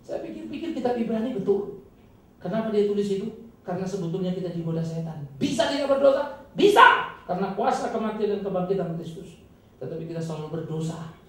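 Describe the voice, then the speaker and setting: A male pastor giving an emphatic, dramatic sermon with sudden loud, high bursts, recorded from a distance in a church hall. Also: animated, quick pace. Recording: echoey hall, distant mic, faint noise.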